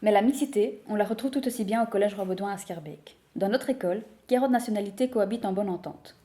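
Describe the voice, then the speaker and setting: A woman giving measured, explanatory scripted narration. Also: mid-range voice, mellow.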